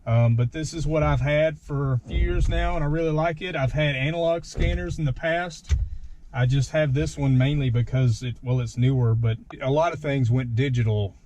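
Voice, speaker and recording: A man speaks from inside a truck with a mid-range, slightly mellow voice at a normal pace, and the recording is rough. He's a vlogger showing off his gear in a casual, self-deprecating hands-on walkthrough. Background noise from the vehicle is clearly audible.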